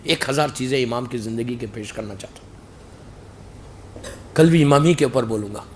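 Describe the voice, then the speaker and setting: A male preacher with a Mumbai Urdu accent, delivering a sermon and mixing in English, at times rising to loud, emphatic outbursts. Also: medium pitch, a little hiss or hum.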